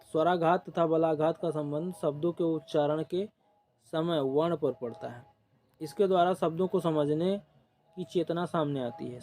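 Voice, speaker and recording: A male exam-coaching teacher speaks very slowly in a somewhat high voice. He goes over every rule twice and checks in with the class through short prompts. Faint music plays underneath. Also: dark tone. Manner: repeats definitions slowly, checks in with "ok", "theek".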